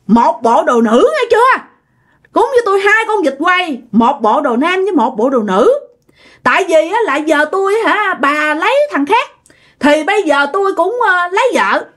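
Angry ghost speaking through a possessed woman, shrill scolding rant, high-pitched, a woman acting it out. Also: fairly bright tone, heavily acted. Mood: demanding.

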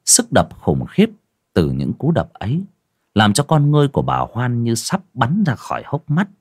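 A man's voice: mid-range voice, wildly swooping pitch, moderate pace, husky, no room sound, clean studio sound. A man narrating an audio horror story in a dramatic, lurid storytelling manner.

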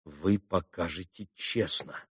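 A man reading an audiobook, voicing a gentle, earnest young man who speaks quietly and sincerely. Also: deep voice, slow, husky, dry recording, clean studio sound, heavily acted. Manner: quiet, soft-spoken.

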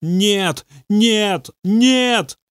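A man voicing a boastful male demon speaking through a possessed youth, in a slow, low, gloating way. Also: clean tone, dry recording, clean studio sound. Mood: whining.

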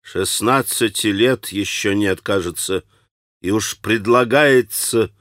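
A man's voice: fairly low pitch, takes it slowly, a bit bright, no echo, studio quality. A man reading an audiobook, voicing an irritable, brooding young man who talks curtly and sardonically. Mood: irritated. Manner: curt, sardonic.

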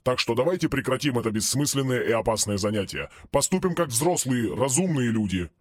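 A man's voice: medium pitch, lively intonation, a little fast, dry recording, clean studio sound, natural voice. A man voicing an exasperated sarcastic investigator. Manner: sarcastic, scolding. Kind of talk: audiobook character voice.

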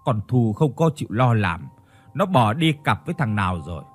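A man's voice: mid-range voice, sing-song, moderate pace, faint music behind. A man voicing an angry, hot-tempered village father in a ghost story. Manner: angry, gruff.

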